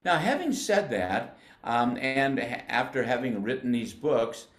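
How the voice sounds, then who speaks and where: An older man from the United States teaching band, explaining flute technique patiently and sounding out syllables slowly. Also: medium pitch, sing-song, a bit bright, roomy sound. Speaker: music educator. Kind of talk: instructional demonstration.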